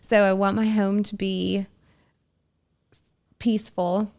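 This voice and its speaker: A woman co-hosting a casual talk podcast, speaking in a reflective, soft-spoken way. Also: mid-range voice, little pitch movement, takes it slowly, vocal fry. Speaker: podcast co-host. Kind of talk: casual conversation.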